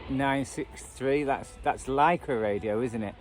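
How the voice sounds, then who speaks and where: There's music behind this Northern English hobbyist vlogger as he demonstrates a radio band scan outside by a churchyard, traffic noise all around. His medium-pitched voice is a little slow, and his casual, unscripted talk wanders in hesitant phrases that trail away as he thinks aloud.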